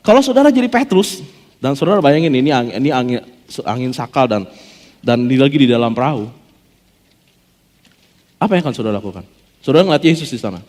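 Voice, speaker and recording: The preacher's medium-pitched voice runs fairly quickly, though he pauses often. Animated and jokey, he acts out quotes during his casual sermon, and the church hall's long reverb carries every line.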